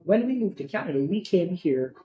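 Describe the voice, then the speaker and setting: A man's voice: high-pitched, very animated, a little fast, highs cut off. A middle-aged man from Barbados, a podcast guest talking in a reflective, philosophical way in casual conversation.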